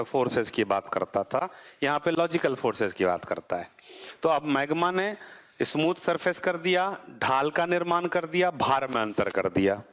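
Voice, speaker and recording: A geography lecture comes from a male teacher whose tone is a bit bright. He keeps throwing rhetorical questions at the class, answers them, and his voice lowers as each point concludes.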